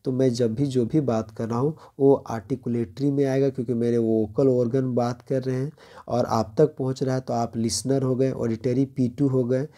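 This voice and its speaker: Dark-voiced Indian man teaching a lesson. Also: mid-range voice, little pitch movement. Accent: Indian English. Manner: explains slowly, reads English lines aloud slowly, checks in with "clear?". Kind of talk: exam-prep lecture.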